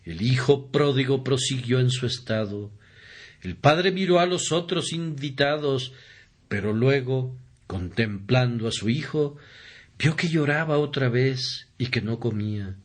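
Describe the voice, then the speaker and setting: A man reading a sermon aloud as a Spanish voice-over in an earnest, deliberate preaching manner. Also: mid-range voice, animated.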